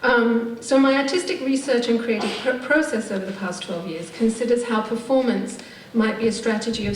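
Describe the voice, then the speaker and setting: A theatre maker of Turkish Cypriot immigrant background speaks on a conference panel with an English accent, her mid-range voice darkish in tone. Her phrasing is articulate and academic, with some hesitation. She's recorded from a distance in an echoey conference room with background noise.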